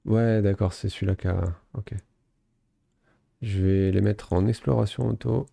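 A man's voice: on the low side, steady tone, a little slow, vocal fry, mellow, dry recording, clean studio sound. A man casually commenting on a strategy game as he plays, thinking aloud with many fillers. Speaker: gaming video host. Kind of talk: casual let's play commentary.

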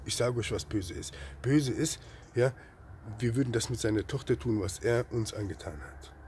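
A man's voice: moderate pace, a little hiss or hum. Fervent man preaching with rhetorical questions. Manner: rhetorical questions with constant tag "ja?"; swings between loud outbursts and low murmurs. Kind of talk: impassioned religious rant.

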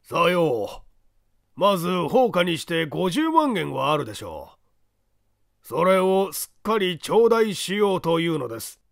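A man voicing a sly phantom thief who speaks in a hoarse old man's voice, mockingly polite and unhurried. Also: high-pitched, very animated, dry recording, studio quality, full character voice. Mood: mocking politeness. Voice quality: hoarse, gravelly. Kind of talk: audiobook character voice.

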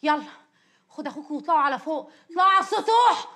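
A woman's voice: high voice, lively intonation, racing, fairly bright tone. An actress playing a worried wife and mother who demands to know what is happening, in Egyptian Arabic. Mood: alarmed. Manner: alarmed, demanding answers. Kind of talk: film drama acting.

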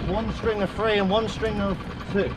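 A man's voice: high-pitched, fairly even intonation, normal speed. A man, perhaps in his thirties, giving casual, exclamatory vlog commentary while working on a small open fishing boat. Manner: exclamatory, talks while hauling gear. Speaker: small-boat crab and lobster fisherman. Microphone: camera mounted in the boat, few metres away. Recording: loud engine and outdoor boat noise.

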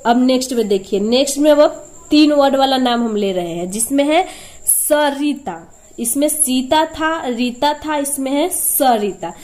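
A woman with a high voice gives a patient, step-by-step spelling lesson. She speaks slowly, repeating each sound and answering her own questions as she goes. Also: darkish tone. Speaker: teacher.

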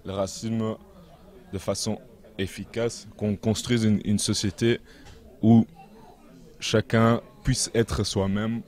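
Young guy with a deepish voice, slow and careful, talking into a handheld mic in a big hall. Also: flat delivery, a little mellow. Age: young adult. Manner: measured, pauses to find his words. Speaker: interview guest, activist. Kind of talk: earnest spoken interview answers. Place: large indoor exhibition hall.

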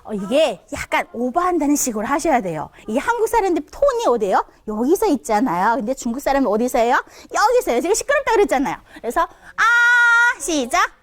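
Female language teacher, high and animated, drilling tones for seniors. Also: fast talker, hardly any pauses. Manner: demonstrates sounds with big pitch swings, asks and answers her own questions. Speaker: Chinese conversation instructor. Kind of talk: online lesson for seniors.

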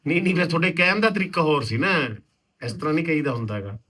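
A man's voice: fairly high pitch, lively intonation, very fast, sharp tone. A man playing a proud village father-in-law. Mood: firm, offended. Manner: firm, offended, reasoning. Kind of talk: rural village drama acting.

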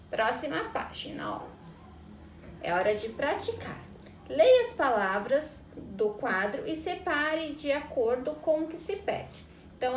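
Woman, preschool teacher, slow patient delivery, checks in often, echoey room. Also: high-pitched. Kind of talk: recorded lesson for young children. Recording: echoey room with faint noise.

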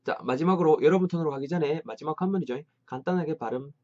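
A man teaching an English lesson, lively, drilling phrases slowly and repeatedly. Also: on the high side, highs cut off.

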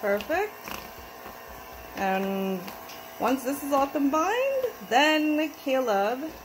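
A woman with a slightly high voice talks from behind the camera in a home kitchen, guiding each cooking step. She keeps up steady encouragement and praise between instructions. A faint hiss sits under her voice. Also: very slow. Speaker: parent filming a child's cooking video.

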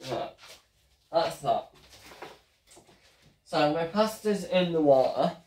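A young man hosting a casual home cooking vlog, chatty and halting as he talks while cooking in a small kitchen. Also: on the high side, lively intonation, darkish tone, a little hiss or hum. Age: young adult. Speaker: home cooking show host. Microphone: fixed camera across the room. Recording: echoey kitchen, voice from far off.

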